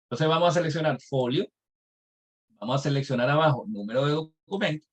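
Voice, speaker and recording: A man's voice: fairly high pitch, brisk. A male instructor teaching a live online class, explaining patiently step by step with examples.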